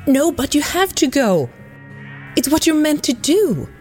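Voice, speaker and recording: A measured, unhurried divine voice speaks down to a reluctant prophet in this audio drama. She talks slowly and drily, with faint music under her. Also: high voice, sing-song, darkish tone. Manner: measured, dry, patient then exasperated. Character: calm disembodied divine voice, narrator. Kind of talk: audio drama narration and acting.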